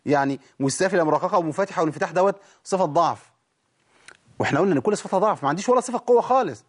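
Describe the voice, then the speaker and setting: A man with an Egyptian Arabic accent teaching Quran recitation rules, animated and demonstrating sounds again and again. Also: high voice, rapid-fire. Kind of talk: tajweed lesson.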